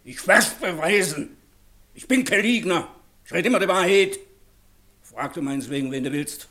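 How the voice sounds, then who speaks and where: An insistent man presses his reproaches with a lively, swinging voice. His voice sits rather high. This is a classic radio play. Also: moderate pace. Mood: reproachful. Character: agitated man accusing a wife, insistent. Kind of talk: 1950s German radio play acting.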